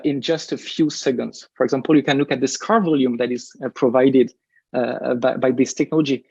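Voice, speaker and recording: Higher-voiced man with a French accent, research presenter who stumbles over his words, dry muffled audio. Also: a little mellow, no echo. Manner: hesitant, many repeated words and fillers. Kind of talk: conference presentation.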